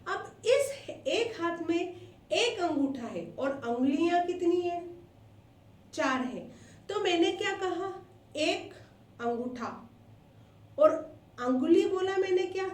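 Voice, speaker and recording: A woman's voice: sits high, a little mellow. A woman teaching a class of young children, asking them questions and repeating the answers. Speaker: primary school teacher. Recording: echoey room, voice from a distance.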